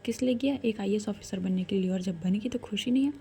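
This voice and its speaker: A woman's voice: mid-range voice, fast talker, vocal fry, warm tone, slight background noise. A woman telling a love story in a chatty, casual way, talking straight to her listeners. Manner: chatty, addresses listeners directly.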